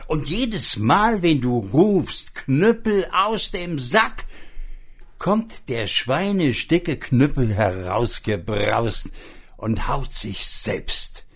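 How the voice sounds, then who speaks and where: A man's voice: mid-range voice, lively intonation, drawn-out words, a bit bright, slightly rough, full character voice. A man voicing a knowing, conspiratorial magic pig in a comic storybook tale, lecturing as he explains a secret. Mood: sly.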